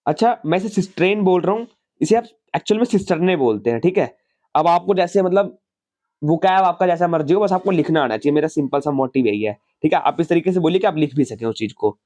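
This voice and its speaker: A man's voice: on the high side, lively intonation, fairly quick, a little mellow. A man teaching a science class in a casual, chatty way, asking questions and answering them himself and explaining with homely family stories.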